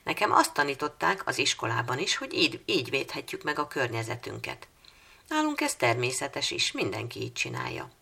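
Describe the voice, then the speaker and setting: A woman with a low, creaky voice voicing an earnest, determined young girl in a storybook reading, in an eager, pleading manner. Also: sing-song, sharp tone, heavily acted.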